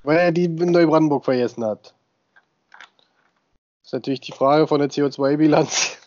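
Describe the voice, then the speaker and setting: A man's voice: on the high side, moderate pace, a little mellow, no echo. A married man in his thirties co-hosting a casual podcast, joking in easygoing banter. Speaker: podcast co-host. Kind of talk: casual chat. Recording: dull dry sound.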